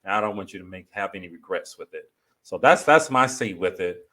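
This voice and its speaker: A man's voice: low-pitched, lively intonation, brisk, a bit bright. A man hosting a talk show as a therapist, giving direct, informal advice in a conversational way.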